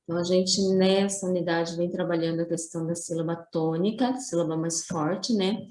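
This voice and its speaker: A woman's voice: lowish voice, steady tone, normal speed, darkish tone, roomy sound. A woman teaching a primary school class in a recorded lesson, explaining step by step with frequent tag questions.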